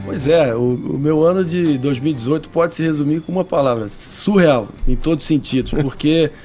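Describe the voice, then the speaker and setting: A man's voice: fairly high pitch, moderate pace, a little mellow, soft background music. A young man guesting on a radio studio interview, talking in an earnest, articulate way. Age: young adult. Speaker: guest impressionist. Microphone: studio radio mic.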